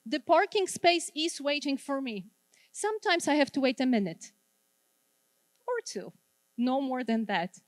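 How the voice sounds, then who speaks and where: A middle-aged Polish woman with a Polish accent leads a live, interactive wellness workshop, drawing the audience in by asking questions and repeating their answers back. Her high voice is animated and measured, with long pauses, recorded with no room sound.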